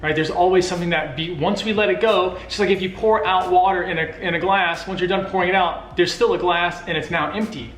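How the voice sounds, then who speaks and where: A man's voice: high voice, steady tone, a little fast, few pauses, a bit bright. A man co-hosting with motivational talk, earnest and emphatic, often repeating phrases for weight. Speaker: co-host. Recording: roomy echo, faint noise.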